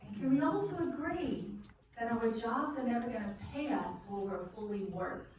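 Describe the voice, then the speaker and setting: A Guyanese woman, a finance educator, delivers a lively money seminar at a church event, questioning the crowd in a preacher-like style and getting call-and-response replies. Her voice is fairly high and moves at a normal pace. It's captured from a distance in a big, echoing church hall, with a bit of hiss or hum.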